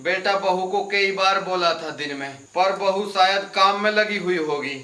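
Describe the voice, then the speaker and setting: An actor playing an older blind father who is gentle and heartbroken, speaking in a pleading, poetic, sorrowful way in a melodramatic audio drama. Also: high-pitched, a little slow. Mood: pleading gently. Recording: roomy voice over background music.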